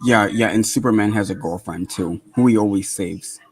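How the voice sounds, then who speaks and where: A man's voice: fairly low pitch, normal speed, breathy edge, rough recording. A man chatting as a guest on a livestream, hesitant, with lots of ums and repetition. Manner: hesitant, repeats himself. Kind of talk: casual group chat.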